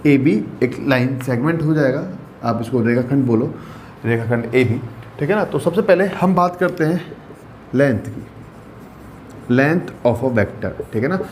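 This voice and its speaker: A man's voice: mid-range voice, normal speed, darkish tone, slight background noise. A male maths teacher giving a classroom lecture, mixing in English terms and checking in often with rhetorical questions. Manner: mixes English terms into explanations.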